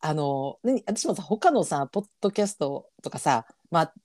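A woman with a Kansai accent co-hosting a casual podcast, with rapid, excitable, laughing banter. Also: deep voice, no room sound, clean studio sound. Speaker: podcast co-host.

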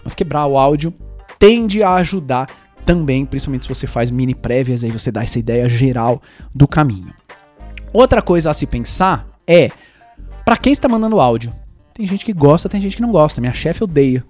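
A man's voice: medium pitch, expressive, brisk, darkish tone, soft background music. A man giving casual advice as a podcast host, emphatic and full of rhetorical questions and playful sound effects.

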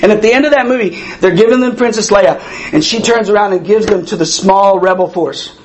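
A man's voice: high-pitched, a little fast, poor audio. A man in his fifties with a wheezy voice, preaching conversationally and emphatically, repeating key phrases and putting questions to his listeners. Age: 50s. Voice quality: wheezy breathing from a past tracheotomy. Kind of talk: animated conversational sermon to a congregation.

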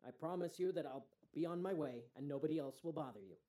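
A man's voice: fairly high pitch, fast talker, mellow, lightly acted. An actor playing a threatening man at a door, coldly polite and menacing. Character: threatening male official at a door.

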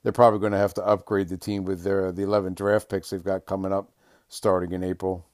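An older man with a lowish, smooth voice hosts his sports podcast, rambling easily from topic to topic with plenty of "uh" fillers. The sound is dry and close, with no room echo. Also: fast talker. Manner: relaxed, rambling, frequent uh fillers. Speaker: podcast host. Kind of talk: casual sports podcast monologue.

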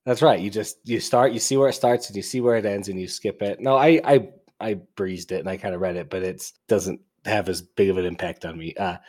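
A man co-hosting a casual book discussion podcast, retelling scenes with lively energy and acting out the characters' lines. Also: on the low side, a little fast, hardly any pauses. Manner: animated storyteller, acts out characters' lines. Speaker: book club podcast co-host. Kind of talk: casual chat.

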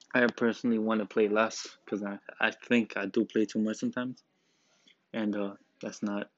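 A Romanian man in his late teens hosts a student podcast from a school's back room, rambling and joking in a laid-back monologue. His voice is lowish, with no room sound, on a dull, dry lo-fi recording.

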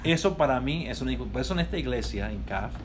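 A man's voice: medium pitch, lively intonation, quick pace. A man from Chile, a pastor, talking earnestly and emphatically, quoting scripture in a conversational sermon style. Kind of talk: conversational preaching. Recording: background noise.

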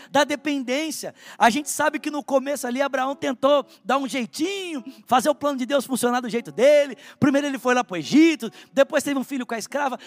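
A pastor with a Brazilian Portuguese accent and a very high voice preaches a sermon, earnestly sharing his own heartfelt testimony and speaking straight to the listener.

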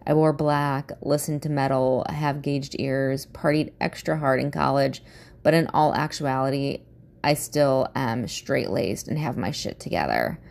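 A woman's voice: rumbling low, unhurried, vocal fry, a little mellow. A thirty-year-old Midwestern American woman with a valley girl way of talking, casually introducing herself as a solo podcast host into her phone. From Midwestern US, suburbs of Chicago.

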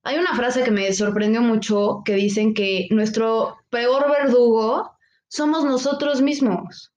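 Young Mexican woman, Mexican accent, high voice, expressive slangy chat, echoey room. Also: measured pace, highs cut off. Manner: expressive, slangy, laughing storyteller. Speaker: podcast co-host. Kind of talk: casual chat.

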